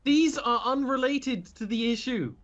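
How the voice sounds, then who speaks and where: A man's voice: very high-pitched, measured pace, a bit bright, muffled recording. A man playing a tabletop game, talking casually in and out of character.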